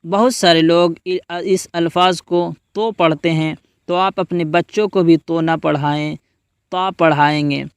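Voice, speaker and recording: A man's voice: a little high, fairly even intonation, clear, resonant tone, no echo, clean studio sound. A man teaching Quran reading step by step, patiently spelling out each letter and asking listeners to repeat after him. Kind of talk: step-by-step recitation lesson.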